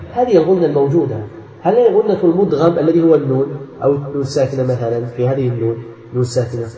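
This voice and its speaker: Dark-voiced sheikh teaching a text. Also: male voice, mid-range voice. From Algeria. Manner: reads a passage aloud, then explains it slowly and deliberately. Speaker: sheikh teaching Quran recitation rules. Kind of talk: classroom commentary on a classical text. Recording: dull, roomy lecture recording from a distance.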